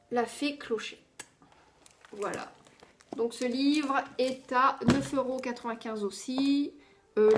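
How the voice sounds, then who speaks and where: Chatty woman. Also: on the high side. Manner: chatty, with frequent hesitant fillers. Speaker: coloring book vlogger. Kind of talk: casual product haul video.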